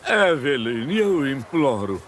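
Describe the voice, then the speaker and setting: An actor playing an anxious, nagging circus companion in a dubbed video game. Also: male voice, medium pitch, big pitch swings, takes it slowly, slight background noise. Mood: worried, pleading.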